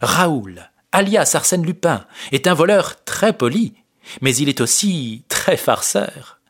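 A man narrating an audiobook story in a clear, measured storytelling voice. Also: on the high side, sing-song, fairly bright tone.

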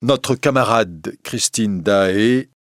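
Man doing a sad serious tenor making an announcement, slow and grave, dry close mic. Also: fairly low pitch, no room sound. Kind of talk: audiobook reading.

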